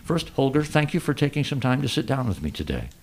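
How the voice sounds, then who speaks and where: A man's voice: mid-range voice, sing-song, fast, a little mellow. A man hosting a broadcast interview, asking his guests questions in a formal, courteous way. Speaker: radio interview host.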